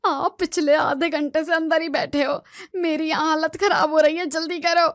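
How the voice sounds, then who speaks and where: Sixties mother-in-law, played by a woman, fretful and sneaky, fairly high, dry close storybook audio. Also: normal speed, vocal fry, no echo. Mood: distressed. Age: 60s. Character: fussy old diabetic mother-in-law, sneaky.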